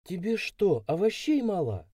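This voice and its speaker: A man voicing a young blonde city girl who takes everything literally, in a high girlish voice for an audiobook. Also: sing-song, unhurried, warm tone, no room sound, studio quality. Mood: stubborn. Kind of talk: audiobook reading.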